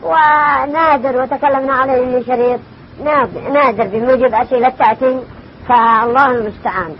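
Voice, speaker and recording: A man's voice: extremely high pitch, steady tone, fairly quick, lo-fi sound, a little hiss or hum. A religious scholar answering a question, repeating phrases as he lists examples, heard from an old worn cassette tape.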